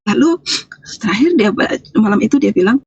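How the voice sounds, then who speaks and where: Interview guest, woman from Lampung: breathy tone, emotional first-person testimony with many restarts. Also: fairly high pitch, lively intonation, fairly quick, darkish tone, dull audio. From Lampung, Indonesia. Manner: hesitant, restarts and repeats phrases often; earnest, emotional storytelling. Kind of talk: personal testimony, casual speech.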